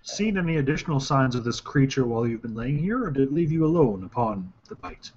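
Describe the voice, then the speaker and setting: A man's voice: medium pitch, expressive, quick pace, darkish tone. A man playing a tabletop game in character, speaking formally with hesitations. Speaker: player. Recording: muffled lo-fi recording.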